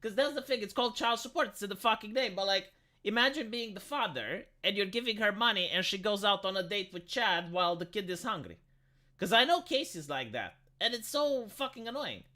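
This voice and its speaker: Tinny, animated man. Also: high voice, brisk. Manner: argumentative, blunt, swearing. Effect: tinny, metallic sound. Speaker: live streamer. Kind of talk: casual opinionated chat, answering comments.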